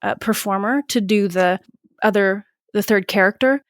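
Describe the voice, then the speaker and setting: A woman musician chatting as a podcast guest, rambling and animated, acting out her own past remarks. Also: mid-range voice, moderate pace, no room sound, clean studio sound. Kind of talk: casual interview chat.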